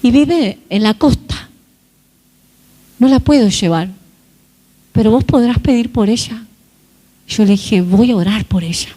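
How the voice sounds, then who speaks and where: A woman's voice: fairly high pitch, a little slow, pauses often, mellow. A woman preacher, telling a testimony and leading a fervent prayer. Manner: fervent, storytelling then praying. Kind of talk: sermon with story and closing prayer.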